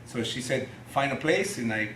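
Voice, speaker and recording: A man's voice: medium pitch, lively intonation, a bit bright. Chilean guy w/ spanish accent, middle-aged, lots of uhs and restarts, echoey room, bit of hiss. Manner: halting, many restarts and fillers. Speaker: guest, martial artist. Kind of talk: casual interview.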